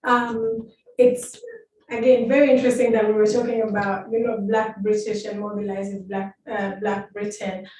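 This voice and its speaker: A woman's voice: mid-range voice, little pitch movement, normal speed, darkish tone. A woman from Tanzania asking a question at a talk, hesitant with many fillers. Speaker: audience member asking a question. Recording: very echoey distant mic with faint noise.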